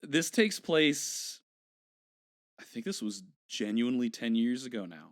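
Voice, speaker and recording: A man's voice: medium pitch, big pitch swings, a little slow. A man co-hosting a casual podcast who is easygoing and agreeable and laughs along with his friend. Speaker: podcast co-host. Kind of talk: casual chat.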